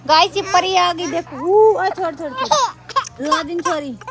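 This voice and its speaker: A woman chatting on a live stream in a very high, light voice. She greets and thanks viewers one after another and coos to a small child. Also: measured pace, a crowd in the background.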